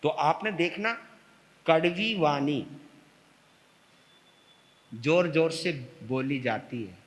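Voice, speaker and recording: A high, animated male monk delivering a slow, unhurried sermon. He swings from loud outbursts to soft asides as he acts out quarrels, and a long reverb hangs behind him. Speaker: Jain monk giving a discourse.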